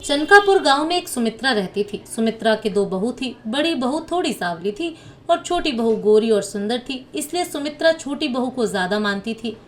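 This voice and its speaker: A woman telling a moral family story in steady scripted narration. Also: a little high, normal speed, slight background noise.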